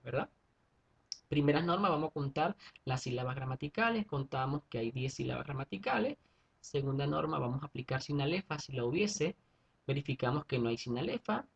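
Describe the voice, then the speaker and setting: Husky-voiced male teacher, methodical. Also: on the high side, highs cut off. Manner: methodical, repeats steps and checks in with students. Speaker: secondary school teacher. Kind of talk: online class explanation.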